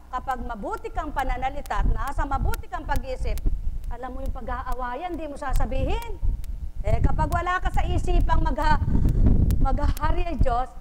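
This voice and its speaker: A woman preaching a sermon, asking her congregation rhetorical questions and acting out everyday gossip to make her points. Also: high-pitched. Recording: live stream with long hall reverb and faint noise.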